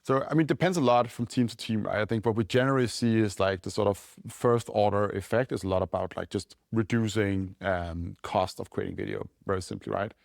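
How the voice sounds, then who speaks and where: A Danish founder with a lowish, steady voice and some vocal fry answers questions in a casual podcast chat. His quick, loose delivery is full of "like" and "right?", captured as clean studio sound without any room tone.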